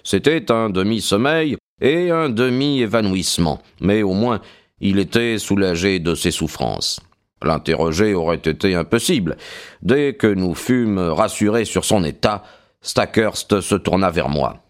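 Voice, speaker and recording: A man giving measured scripted narration of a detective audiobook. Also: sits low, lively intonation.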